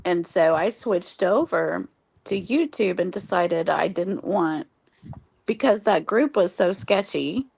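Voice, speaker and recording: A woman's voice: lowish voice, animated, slow, vocal fry, darkish tone, slightly rough, dry recording. A woman from Oklahoma hosting a casual late-night livestream chat, telling long earnest stories with many ums while losing her voice from smoky air. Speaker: livestream host.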